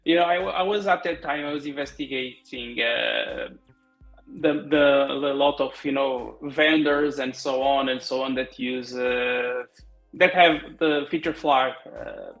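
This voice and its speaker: A man from Portugal with a Portuguese accent, talking as a guest on a video call, halting, with many restarts. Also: medium pitch, creaky, a bit bright, reverberant, rough recording. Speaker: guest software developer. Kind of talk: casual interview over video call.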